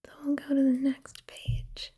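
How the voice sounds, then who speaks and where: A woman giving a whispered ASMR pep talk, speaking gently and reassuringly in a soft, unvoiced whisper. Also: high-pitched, monotone, measured pace.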